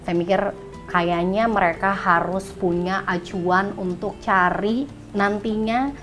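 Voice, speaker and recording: A woman in her thirties, a guest telling her own story in a lively, casual way, often laughing as she talks. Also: medium pitch, takes it slowly, soft background music.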